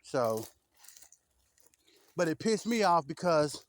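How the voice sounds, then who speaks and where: A man rants loosely to his camera, blunt and full of profanity. His voice sits somewhat high, and the sound is close and dry, with no room echo. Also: big pitch swings, slow pace. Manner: blunt, profane, rambling street talk with repeated asides. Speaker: vlogger. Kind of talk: casual rant to camera.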